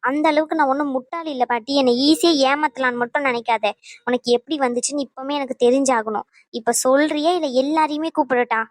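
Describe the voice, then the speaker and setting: A woman's voice: sits high, fast talker, no room sound, clean studio sound, close to an everyday voice. A woman voicing a bossy young granddaughter in a cartoon who scolds and threatens her grandmother. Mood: scolding. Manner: scolding, demanding.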